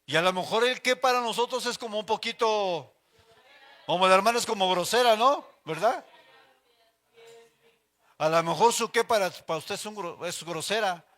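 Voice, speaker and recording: Middle-aged Mexican male Bible teacher, high bright voice, chatty, full of anecdotes. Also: normal speed, long pauses. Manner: chatty and anecdotal, addresses listeners as brothers, acts out everyday voices. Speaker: church Bible class teacher. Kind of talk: informal Bible class teaching.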